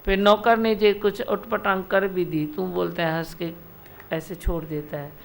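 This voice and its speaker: Woman guru, gravelly, preaching a satsang with repeated direct appeals. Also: fairly low pitch, level tone, measured pace. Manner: repetitive exhorting, direct address. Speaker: spiritual teacher. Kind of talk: devotional satsang discourse. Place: satsang hall.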